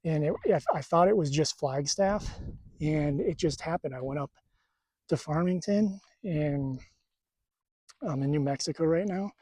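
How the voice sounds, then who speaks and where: A man talking casually to camera at a desert campsite, halting and stuttering, with a tight, strained throat. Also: on the high side, darkish tone, no room sound. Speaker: spiritual vlogger.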